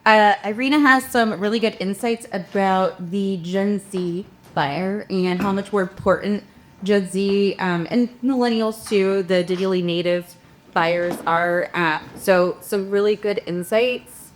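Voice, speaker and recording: A woman moderating a conference panel, speaking softly and hesitantly as she hands the floor to a guest. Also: medium pitch, fairly even intonation, unhurried, a little hiss or hum.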